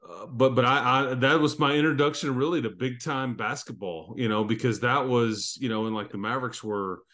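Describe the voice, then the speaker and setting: A man's voice: mid-range voice, fairly quick, a bit bright. A man in his fifties hosting a sports podcast, telling long, rambling stories about old games. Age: 50s. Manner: rambling, reminiscing storyteller. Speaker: podcast host. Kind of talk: casual sports podcast chat.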